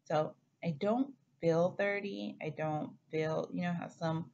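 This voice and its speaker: A flight attendant vlogger from Oklahoma, a woman in her thirties, chats casually to camera in a low, gravelly, darkish voice. She keeps a steady tone and takes it slowly, yet rambles chattily with frequent self-corrections. The recording is slightly muffled with faint background hiss.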